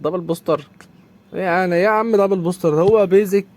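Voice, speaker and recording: A man's voice: high voice, fast talker, darkish tone. A young man with an Egyptian Arabic accent commentating his own football video game match, exasperated and repeating his complaints. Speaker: gaming YouTuber.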